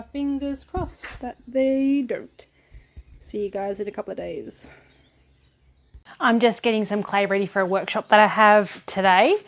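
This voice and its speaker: A woman with an Australian accent talking casually in a vlog, rambling a little as she thinks aloud. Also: a little high. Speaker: potter and studio vlogger.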